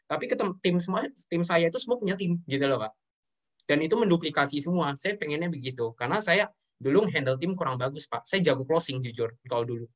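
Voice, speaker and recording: Fast-talking earnest young man. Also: a little high, expressive. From Indonesia. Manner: earnest, addresses host as Pak often. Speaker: guest sharing his business story. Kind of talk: emotional interview talk.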